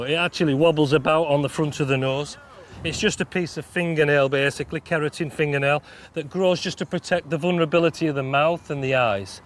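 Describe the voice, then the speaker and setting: A male animal keeper gives an unscripted interview outdoors. His voice is a little high for a man, and there is faint background noise. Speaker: rhino keeper and breeder.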